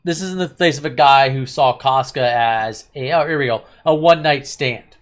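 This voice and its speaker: A man's voice: medium pitch, moderate pace. A man hosting a casual anime review chat, rambling and opinionated with a sarcastic edge. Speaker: host of an anime review channel.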